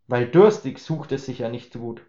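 A man voicing an easygoing, matter-of-fact neighbor who chats in a relaxed way, in a spoken story. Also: mid-range voice, moderate pace, natural voice. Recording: roomy, slightly dull recording.

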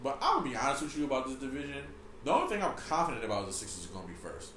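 A man co-hosting a podcast, talking sports in an animated, teasing way and quick to laugh. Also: medium pitch. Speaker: podcast co-host. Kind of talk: casual sports chat. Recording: echoey room, faint background hiss.

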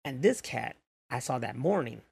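Man with a gravelly, mid-pitched voice; loose, animated monologue peppered with swearing. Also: moderate pace. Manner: loose, profane, animated retelling. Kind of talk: casual storytelling monologue.

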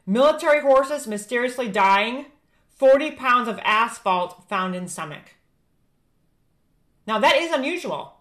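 Casting: American woman, medium pitch, prophecy presenter who reads aloud and comments in an emphatic, admonishing manner. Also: a bit bright. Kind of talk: informal religious prophecy commentary, alternating reading aloud with asides.

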